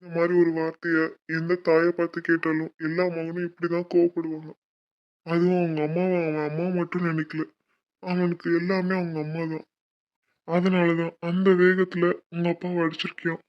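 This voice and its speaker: A woman doing a calm, low-voiced young guy. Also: normal speed, lo-fi sound, close to an everyday voice. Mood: earnest. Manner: soothing, reasoning. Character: calm young male college friend, level-headed peacemaker.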